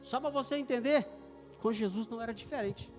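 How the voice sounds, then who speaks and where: A middle-aged man preaching a sermon in a church hall, fervent and swelling to loud declarations. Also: very high voice, brisk. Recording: echoey hall with music behind.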